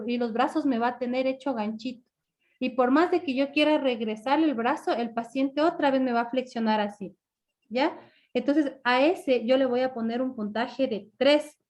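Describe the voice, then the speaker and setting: A woman teaches a live online nursing class. She works through example dialogues with patients and often checks in with her students. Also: high-pitched. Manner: explains step by step with example dialogues. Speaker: nursing instructor.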